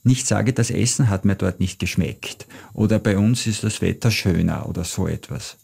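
A man's voice: sits low, normal speed, gravelly, darkish tone, husky. A middle-aged man from Austria, telling travel stories thoughtfully as an interview guest. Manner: thoughtful, anecdotal, frequent "äh" fillers. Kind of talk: reflective storytelling.

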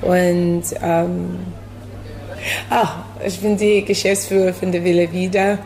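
A woman from the United States with an American accent, a café owner answering interview questions in halting German full of fillers. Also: fairly low pitch, little pitch movement, dark tone. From USA. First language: English. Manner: halting, searching for words, many fillers.

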